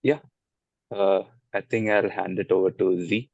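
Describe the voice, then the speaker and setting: Panel student: low male voice, dry and slightly muffled line, easygoing and chatty. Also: unhurried, vocal fry, breathy edge, dry recording. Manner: relaxed, chatty, with filler words. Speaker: graduate student. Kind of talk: casual panel introduction. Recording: dull, dry remote audio.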